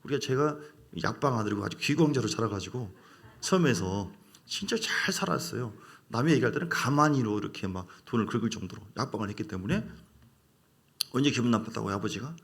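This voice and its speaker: Animated Korean pastor preaching emphatically. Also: male voice, mid-range voice, brisk. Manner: emphatic, call-and-response with congregation. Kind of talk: sermon.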